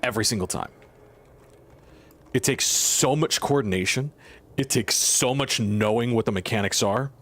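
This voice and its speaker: Over his healer gameplay, the male streamer rants with exasperated swearing, hammering points home through repetition. He speaks in a mid-range, slightly bright voice at a moderate pace, pausing often.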